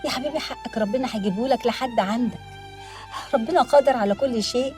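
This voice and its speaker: A woman's voice: on the high side, fast talker, darkish tone, soft background music, lightly acted. An actress with an Egyptian accent playing a loving mother who begs her son, just out of prison, to let go of revenge. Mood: pleading. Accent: Egyptian Arabic. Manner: pleading, tender.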